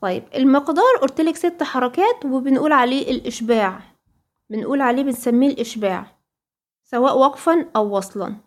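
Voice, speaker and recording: A woman's voice: high voice, lively intonation, quick pace. A woman with an Egyptian accent teaching a tajweed lesson, quizzing her listeners with prompt questions and repeating key terms. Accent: Egyptian Arabic. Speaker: Quran recitation teacher.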